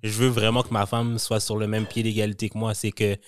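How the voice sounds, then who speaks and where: A man from Quebec with a Quebec French accent, a guest on a podcast, talking candidly and laughing loudly. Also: lowish voice, level tone, a little fast. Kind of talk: casual banter.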